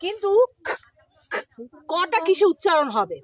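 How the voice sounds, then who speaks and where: A very high, light-voiced woman teaching a pronunciation lesson. She repeats each sound slowly and keeps asking her pupils to answer back. Her manner stays patient and coaxing. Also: very animated, fairly bright tone.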